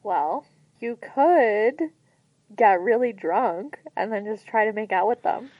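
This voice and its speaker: A woman's voice: medium pitch, takes it slowly, no room sound. A woman co-hosting a casual radio chat show, thinking aloud and laughing easily. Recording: dull lo-fi sound, dry.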